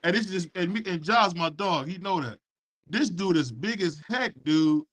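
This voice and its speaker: A man's voice: high-pitched, expressive, moderate pace, fairly bright tone. A man joking around on a boxing podcast, slangy and playful, calling the others bro. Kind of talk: casual boxing talk.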